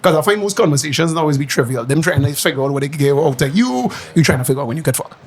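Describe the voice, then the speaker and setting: A man's voice: a little high, animated, very fast. A man in his thirties in casual podcast chat, joking and boastful, laughing often. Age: 30s.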